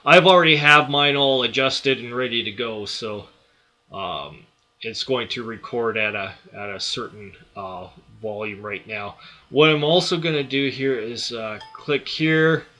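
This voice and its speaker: Speaking into a desktop studio microphone, a man with a loud, mid-range voice walks through a screen-recorded software tutorial, explaining each step unhurriedly and using plenty of fillers.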